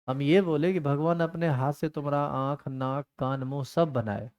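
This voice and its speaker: A man's voice: a little high, darkish tone, clean tone. Teasing male chemistry teacher. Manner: scolding, teasing students in a rustic Hindi dialect. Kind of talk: classroom lecture. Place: classroom.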